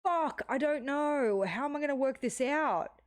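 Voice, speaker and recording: A young woman, streaming live and commentating as she plays, excitable and swearing freely. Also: high-pitched, a little slow. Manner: excitable, swears a lot, talks to herself while playing.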